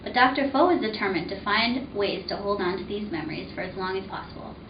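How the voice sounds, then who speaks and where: A woman's voice: mid-range voice, expressive, quick pace. A woman reading an explanatory script in textbook phrasing. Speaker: student narrator. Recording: roomy, distant, muffled with noise.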